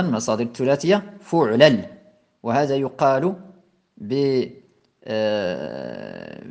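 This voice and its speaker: A man giving a lesson on verb forms in classical grammar. He recites each verse, then explains it slowly and patiently. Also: medium pitch, darkish tone. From Morocco. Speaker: teacher of Arabic grammar. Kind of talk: lecture explaining a classical poem.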